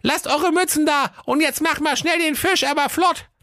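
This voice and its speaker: A man voicing a kindly, cunning ogre wife who speaks in a soothing but brisk falsetto. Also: sharp tone, no echo, studio quality, exaggerated voice. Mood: urgent, kind.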